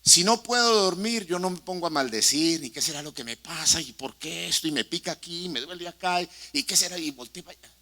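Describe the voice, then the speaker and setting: A male pastor preaching in a church, his voice a touch high and strikingly sharp and forceful. He preaches with passion and fires questions at the people in the pews. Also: animated, fairly quick. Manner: impassioned preaching, addressing the congregation with questions. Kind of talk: sermon. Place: church sanctuary.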